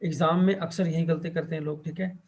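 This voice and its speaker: A male teacher lecturing a class, who keeps asking the students questions and fills his pauses with the same short check-in phrase. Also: on the high side, fairly even intonation, darkish tone. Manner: quizzes students and fills pauses with "theek hai".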